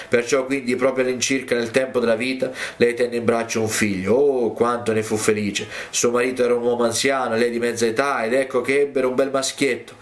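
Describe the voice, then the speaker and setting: A man preaching a sermon with fervent, drawn-out exclamations as he tells a story. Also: mid-range voice.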